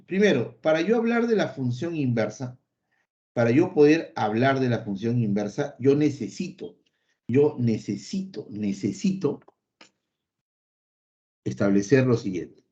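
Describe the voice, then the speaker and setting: A man's voice: medium pitch, lively intonation, unhurried, pauses often, dark tone. A man teaching a math lesson, repeating key points emphatically and speaking straight to his students. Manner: playfully voices an imagined student answering him; repetitive, emphatic, addresses students directly. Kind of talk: recorded online math lesson. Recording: slightly dull lo-fi recording.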